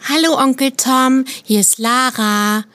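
A woman acts a young schoolgirl of seven in a children's audio story. The voice is fairly high, polite and full of curious questions. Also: measured pace, fairly bright tone, no room sound. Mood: eager, asking. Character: curious, polite seven-year-old girl. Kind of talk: children's educational audio play.

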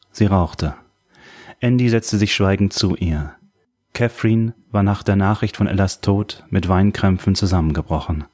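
A man calmly narrating a novel as an audiobook reader. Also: sits low. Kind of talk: scripted narration.

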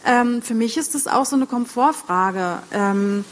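A woman's voice: on the high side, a little slow. A woman from the audience speaking at a panel discussion, chatty and self-deprecating, with many fillers. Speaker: audience member.

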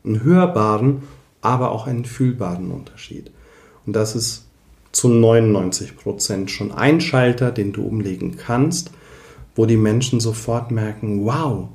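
A man's voice: mid-range voice, measured pace, vocal fry, darkish tone, roomy sound. A man working as a voice coach and speech therapist, explaining voice technique in an interview and demonstrating as he goes.

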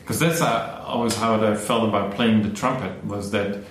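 A man who plays trumpet talks slowly through his thoughts, stopping often on uh. His voice sits low and sounds strongly echoey, as if in a bare hall. A faint background hiss is also heard. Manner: hesitant, with frequent uhs. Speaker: trumpet player. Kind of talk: reflective conversation. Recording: very echoey room.

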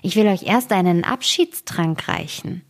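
Eine alte Hexe aus dem Märchen, hinterlistig und scheinheilig freundlich, spricht langsam und schnarrend, von einer Frau vorgelesen. Die Stimme liegt eher tief und zieht die Wörter in die Länge. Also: female voice, fairly low pitch, expressive. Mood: falsely friendly. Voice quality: rasping. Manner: slow and drawn out. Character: scheming old witch, falsely friendly. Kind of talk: storybook reading.

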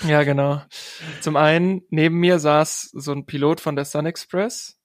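A young man telling a story in a relaxed, chatty way with youthful slang. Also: fairly high pitch, moderate pace, no echo, studio quality. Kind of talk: casual storytelling chat.

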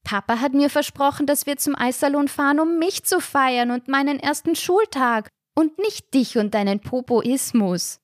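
A woman voicing a small, whiny boy who insists he is a king, in a crowing, high voice. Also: animated, moderate pace, hardly any pauses, no echo, clean studio sound, close to an everyday voice.

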